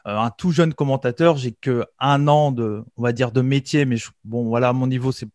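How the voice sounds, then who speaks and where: A French man in his thirties hosts a wrestling interview podcast, talking eagerly and hesitantly with lots of fillers and restarts. His voice is medium-pitched, brisk, and a little mellow, with fairly even intonation. The studio-quality recording has no echo, and he also works as a commentator.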